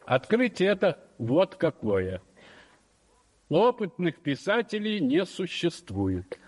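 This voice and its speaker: A man of sixty giving a wry, gentle, measured speech at his own jubilee. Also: on the high side, wildly swooping pitch, husky. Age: 60s. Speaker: jubilee speaker. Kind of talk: formal public speech. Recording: old archive hall recording with reverb.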